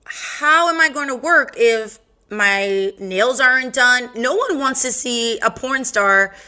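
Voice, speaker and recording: A young woman with a bright, sharp voice and a Valley Girl accent runs her podcast in a sassy, profane, sing-song drawl. She talks slowly and sits a touch high. Faint music plays behind her. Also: clear, resonant tone. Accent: Californian Valley Girl. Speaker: podcast host. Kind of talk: casual monologue.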